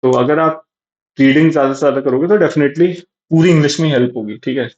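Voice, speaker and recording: A man's voice: fairly high pitch, fairly quick, darkish tone. A young man giving casual, rambling exam advice, full of fillers and restarts. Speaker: exam prep youtuber. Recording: slightly dull lo-fi audio.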